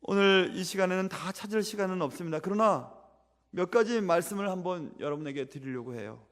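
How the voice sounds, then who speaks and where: Man, pastor, church sermon, high voice, earnest repeating cadence, long hall echo. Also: expressive, a little fast. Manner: earnest, repetitive preaching cadence. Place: church sanctuary.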